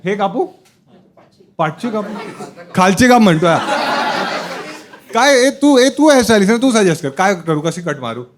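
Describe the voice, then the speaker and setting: A man's voice: high voice, big pitch swings, normal speed, pauses often, slight background noise. A male stand-up comedian doing playful, teasing crowd work on stage with a handheld mic. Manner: teasing, playful, chatty with audience. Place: live comedy show with audience. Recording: live show with loud crowd laughter.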